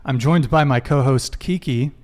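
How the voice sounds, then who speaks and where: A young male podcast host with a darkish, mid-range voice speaks at a moderate pace. Running a live dating podcast, he jokes loosely through casual stream announcements and stumbles when the tech misbehaves.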